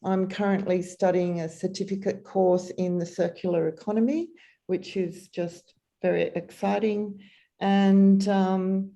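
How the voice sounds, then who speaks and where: A woman's voice: medium pitch, mellow. A woman working as a freelance reporter, introducing herself on a video call, enthusiastic but hesitant with many ums.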